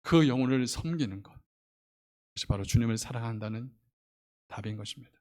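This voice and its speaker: A man's voice: medium pitch, fairly quick, dark tone. A male pastor preaching a sermon in a church sanctuary, telling a story with fervor and pressing his points with rising emphasis.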